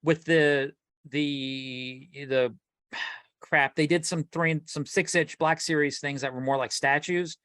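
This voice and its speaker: A man's voice: fairly high pitch, slow pace, clean tone, dry recording, clean studio sound. A man co-hosting a collecting podcast in casual chat, rambling and restarting as he tells his stories. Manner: animated, rambling with many restarts. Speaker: podcast co-host.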